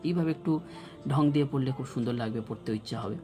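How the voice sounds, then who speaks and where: Man teaching Quran letters slowly. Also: mid-range voice, over music. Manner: drills letters slowly with repetition. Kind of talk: slow recitation lesson.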